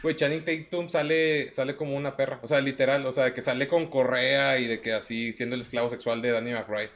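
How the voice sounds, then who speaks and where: A man with a Mexican accent hosts a loose, casual chat about music cameos in movies and cartoons. He tells stories with energy and keeps switching into quoted lines. His voice sits in an ordinary middle range. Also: fairly quick. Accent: Mexican Spanish. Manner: animated storyteller, acts out quotes in a higher voice.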